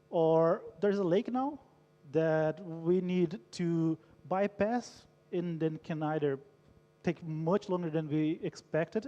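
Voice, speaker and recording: This conference talk comes from a Brazilian man whose slightly high voice is mellow, with the highs cut off in the recording. He keeps things engaging by polling the audience and telling a story, all echoing with long reverb in a large hall.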